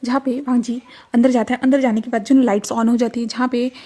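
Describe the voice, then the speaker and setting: A woman's voice: on the high side, flat delivery, quick pace, warm tone. A woman casually retelling a fan fiction story, conversational and full of fillers.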